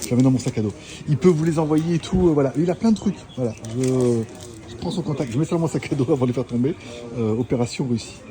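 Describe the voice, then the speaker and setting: Amid the din of a busy indoor electronics market, a man rambles through a casual vlog while walking, often laughing and cursing. He speaks quickly in a dark-toned, medium-pitched voice.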